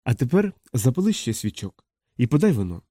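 A man reading as a calm, wry mother, with little change from a plain reading voice. It is a close, dry storybook read. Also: mid-range voice, fairly quick, no echo.

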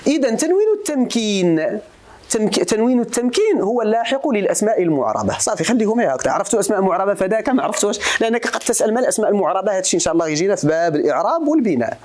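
Lively, fast Moroccan teacher. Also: male voice, high voice. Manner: quizzes students, mixing formal Arabic with colloquial asides. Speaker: religious teacher. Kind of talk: grammar lesson to students.

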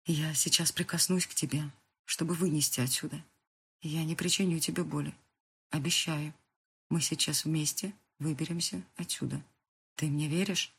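A reader voicing a desperate, grieving young man who speaks low and pleading. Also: fairly even intonation, normal speed, fairly bright tone, breathy edge. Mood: tender, pleading.

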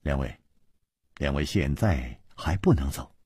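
A man's voice: deep voice, expressive, takes it slowly, slightly rough, no echo, clean studio sound, voice pushed down, full character voice. A man storyteller voicing a witty, carefree swordsman hero who speaks playfully in riddles. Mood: grave. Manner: playful, riddling, laughs often.

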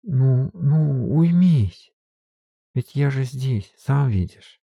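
A man's voice: animated, normal speed, warm tone, no room sound, clean studio sound, close to an everyday voice. A man reading an audiobook, voicing a tender but scolding young woman by raising his voice. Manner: voice raised to a higher register for the woman.

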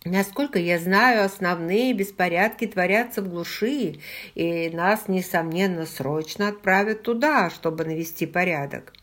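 A woman's voice: on the low side, a little slow, fairly bright tone. A woman voicing a polite, eager young male army lieutenant, hesitant and stumbling over fillers in an audiobook reading. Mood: flustered polite.

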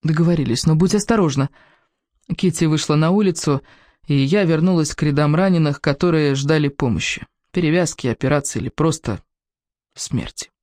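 A woman narrating a novel in the first person with a steady, measured reading. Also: low voice, no room sound, clean studio sound. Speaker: audiobook reader.

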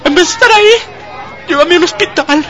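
A woman's voice: extremely high pitch, a little fast, fairly bright tone, some chatter behind. A woman voicing a jealous, hysterical young girlfriend who whines and shrieks accusations. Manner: accusing, whiny, shrieking outbursts.

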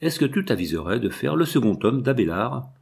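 A man reading an eighteenth-century libertine novel aloud, with expressive swings between exclamations and hushed asides. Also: medium pitch, brisk, creaky, breathy edge. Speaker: audiobook reader. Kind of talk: dramatic literary reading.

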